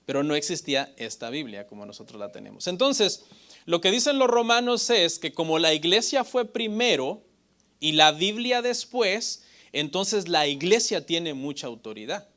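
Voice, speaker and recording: A man's voice: a little high, big pitch swings, moderate pace, bright, forceful tone. A male pastor giving a Bible teaching lecture, asking his listeners questions and answering them himself, often adding "ok?" and "brother". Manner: often adds "hermano" and "ok?".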